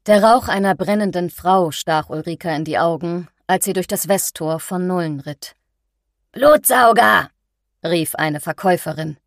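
A woman narrating an audiobook in a measured, dramatic storytelling manner. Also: fairly low pitch, fairly even intonation, dry recording, studio quality. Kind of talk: scripted narration.

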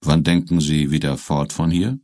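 A steady, settled forester speaks in a very deep, low voice, as a male narrator puts him on. The sound is dry and close, with no room around it. He talks plainly and without hurry, like a man at ease. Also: moderate pace, dry recording. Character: calm middle-aged male head forester.

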